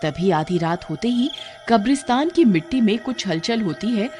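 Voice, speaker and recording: A scripted cartoon horror story is narrated with dramatic flair by a woman whose animated voice sits at medium pitch and moves at normal speed. Loud music runs under the whole recording.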